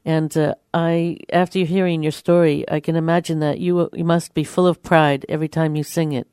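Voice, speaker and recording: A woman's voice: deep voice, level tone, moderate pace, dark tone, clean tone, dry recording, studio quality. A woman hosting an interview, responding effusively and emotionally to her guest's story. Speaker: interview host. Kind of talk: conversational interview.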